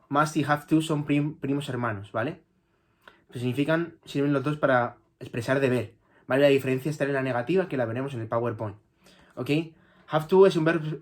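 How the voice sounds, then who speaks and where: A male teacher, explaining grammar patiently and often checking with the class. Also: medium pitch. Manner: patient, repeats and checks with "¿vale?". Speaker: English teacher.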